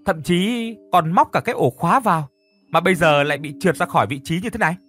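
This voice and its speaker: A man voicing a blunt, quick-tempered young male student who stammers and talks forcefully. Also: fairly high pitch, breathy edge, soft background music, pitched above the performer's own voice. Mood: alarmed.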